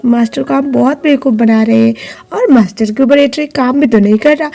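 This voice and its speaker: A woman's voice: high voice, brisk, gravelly, warm tone. A woman voicing a household maid who questions her mistress doubtfully.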